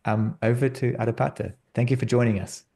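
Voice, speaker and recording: A man hosting an online research workshop on a video call, relaxed and friendly, with frequent fillers. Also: mid-range voice, a little fast, vocal fry. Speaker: workshop host.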